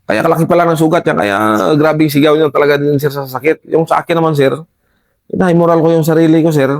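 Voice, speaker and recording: A man with a Filipino accent, a soldier recounting a firefight to an interviewer, halting, restarting often and politely addressing his listener as sir. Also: a little high. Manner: deferential, says "sir" constantly, halting with many restarts. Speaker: soldier telling his combat story. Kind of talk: recounting a war story in an interview.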